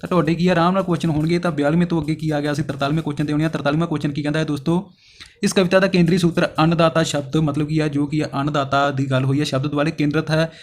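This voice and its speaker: A man's voice: fairly high pitch, level tone, very fast, a little hiss or hum. A man teaching as an exam-coaching teacher, walking through past paper questions one by one and often answering his own questions. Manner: addresses viewers as friends. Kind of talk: exam question walkthrough lesson.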